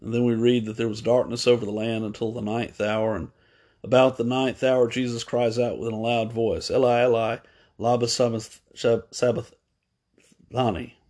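A male preacher speaks at an ordinary mid-range pitch. He talks his way through a story in an unhurried way, stopping on fillers and fixing his own slips. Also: little pitch movement, darkish tone. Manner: unhurried, pausing with fillers and self-corrections. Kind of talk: unscripted sermon retelling.

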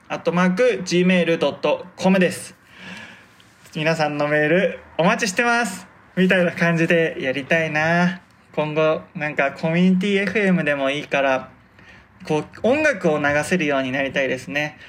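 Soft-spoken man with a fairly high voice. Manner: soft-spoken, deliberately projecting from the diaphragm and articulating carefully. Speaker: podcast host. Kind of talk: casual solo monologue.

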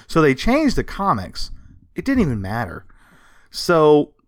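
This man's pitch sits on the high side and swoops wildly, though his pace stays measured. He co-hosts a podcast, recounting comics history in a loose, emphatic style laced with sarcasm and some cursing, captured in a dry, studio-quality recording.

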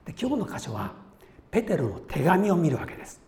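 A man's voice: on the high side, big pitch swings, quick pace, creaky, darkish tone. A man preaching a sermon as a pastor, chatty and folksy, with easy asides before he turns to the Bible passage. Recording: echoey room with faint ambience.

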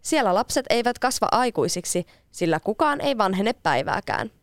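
A woman's voice: on the high side, animated, clean tone, dry recording, voice pushed up, lightly acted. A woman doing a cheerful boy adventurer in a storybook. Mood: friendly. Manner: bright, confident, playful. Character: cheerful adventurous boy who never grows up. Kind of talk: storybook read-aloud.

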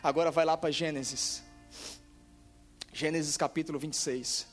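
A man preaching a sermon as pastor, swinging from quiet storytelling to shouted preaching. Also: a little high, fairly even intonation, moderate pace, soft background music. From Brazil.

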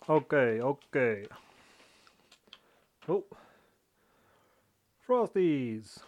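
A man's voice: mid-range voice, darkish tone, slight background noise. A man in his thirties reviewing cereal in a casual, rambling chat, swearing now and then and talking while he eats. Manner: chatty, swears, talks while eating.

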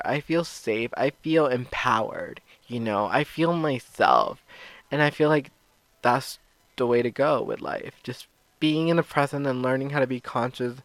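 A man's voice: mid-range voice, no echo. Guy podcast host w a slushy lispy s, talks candid and chatty like to a friend. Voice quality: lisp with slushy s sounds. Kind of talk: casual podcast conversation.

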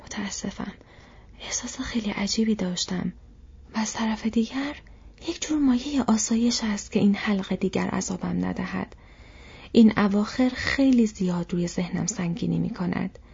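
A shrill, insistent old male hobbit who clings to what he owns, performed by a woman reading a storybook aloud. His voice is mellow underneath and breathy, thrown up high whenever he presses his claim. The storybook recording sounds dull and lo-fi. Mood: apologetic.

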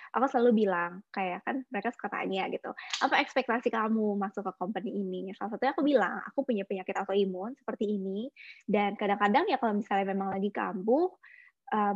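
A woman's voice: medium pitch, no room sound, muffled recording. A young woman talking through her own experience in a casual, reflective way, slipping English words into her speech. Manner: reflective, mixes English into Indonesian slang. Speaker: guest sharing her experience. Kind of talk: casual chat.

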